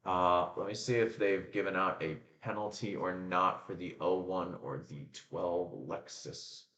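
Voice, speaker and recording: A man with a deep, slightly bright voice speaks unhurriedly with fairly even intonation in an echoey room. He's at home in front of a webcam, using a webcam and desk mic to call a car race live on a watch-along stream, chatting casually and rambling between race updates.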